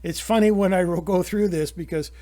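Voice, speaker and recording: A middle-aged Canadian man who hosts a channel delivers a rambling, indignant monologue of opinions. His voice is a little high for a man, fairly quick and mellow, and he often stops and restarts his sentences.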